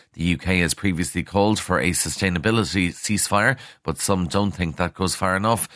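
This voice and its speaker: An Irish man reads a scripted news bulletin in a very low voice. The sound is dry and close, as in a radio studio. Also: a bit bright, no room sound. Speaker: news reader.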